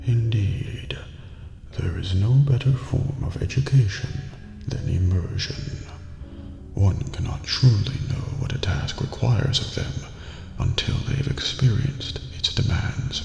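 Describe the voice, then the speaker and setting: In an ASMR roleplay, a man portrays an ancient, otherworldly prison master, formal, courteous, deliberate and ominous. His low, gravelly, slightly mellow voice often drops close to a whisper. Long hall reverb surrounds him, with music in the background.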